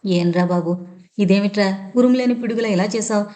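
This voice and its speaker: A woman's voice: mid-range voice, normal speed, mellow, close to an everyday voice. A woman reading a grave, resigned village father.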